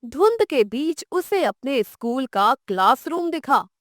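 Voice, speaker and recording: A woman storyteller reading a children's tale in a measured, expressive manner. Her voice is high and melodic, and she takes her time. The recording is dry and close. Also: no room sound. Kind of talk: kids' story narration.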